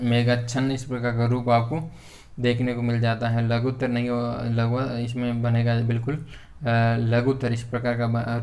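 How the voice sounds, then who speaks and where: Man teaching a flat-toned grammar lesson. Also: medium pitch. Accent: Hindi. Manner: hesitant, many "uh" fillers and restarts; repetitive corrective phrasing. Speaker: exam prep teacher.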